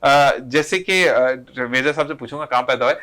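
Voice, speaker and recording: Bright-voiced joking Pakistani host. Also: male voice, mid-range voice. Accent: Pakistani Urdu. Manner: joking, talkative, teasing. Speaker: morning show host. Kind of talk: casual chat.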